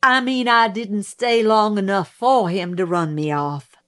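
A humble young man answering on the witness stand, as a woman reads him. His replies are plain, polite and steady. He speaks slowly and without fuss. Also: medium pitch, close to an everyday voice.

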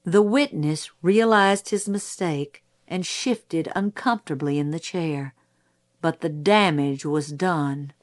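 A woman reading an audiobook aloud in measured storytelling narration. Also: sits low.

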